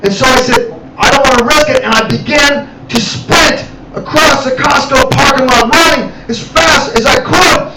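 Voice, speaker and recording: A man performing animated stand-up comedy storytelling in a cafe, acting out characters as he goes. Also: very high voice, a little slow. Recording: echoey cafe room, distant mic, loud noise.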